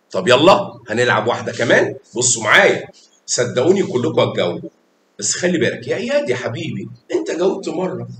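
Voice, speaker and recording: A man with an Egyptian Arabic accent teaching a class of young children, patient and affectionate, coaxing them along with pet names. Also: fairly bright tone. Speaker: math teacher. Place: echoey classroom. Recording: echoey classroom with faint rumble.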